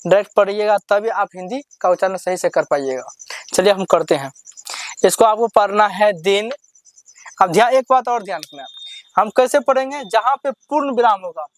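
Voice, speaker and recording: A teacher running a Hindi reading lesson, drilling word lists slowly and explaining each sentence in plain everyday talk. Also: medium pitch, no room sound, low-quality recording.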